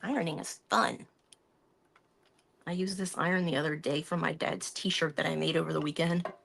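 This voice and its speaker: A woman with a low, creaky, fairly bright voice hosts a craft live stream at a steady tone and normal speed. She chats casually and rambles about her week while talking through the hands-on work at her craft table.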